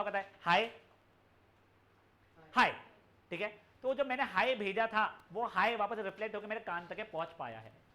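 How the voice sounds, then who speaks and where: Bright high-voiced male physics teacher. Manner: chatty Hindi-English teaching, addresses students as beta. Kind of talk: live online class lecture.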